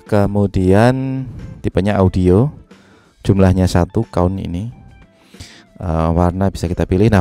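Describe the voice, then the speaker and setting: A man giving a relaxed, step-by-step music software tutorial from a home studio mic. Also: deep voice. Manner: relaxed, step-by-step explaining with fillers. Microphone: studio microphone into a sound card.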